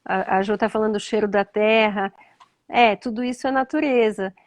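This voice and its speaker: A woman with a Brazilian Portuguese accent, gently questioning children in a thoughtful, conversational way and often echoing their answers. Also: medium pitch, normal speed. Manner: thoughtful, repeats answers back, lots of "né?". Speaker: interviewer.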